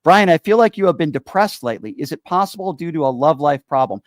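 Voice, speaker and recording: A man's voice: a little high, lively intonation, fast talker, no echo, clean studio sound. A man in his forties from Connecticut, hosting a casual chat show and rambling with fillers and repeated yeps. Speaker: show host.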